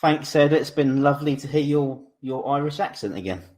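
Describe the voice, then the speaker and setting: Man, podcast panelist, teasing, mid pitch, casual banter. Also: fairly quick, darkish tone.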